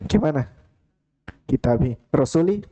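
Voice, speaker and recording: A man's voice: on the high side, animated, moderate pace, warm tone. A man, teaching Arabic grammar in a mosque study hall, quizzing students one by one by name and teasing them.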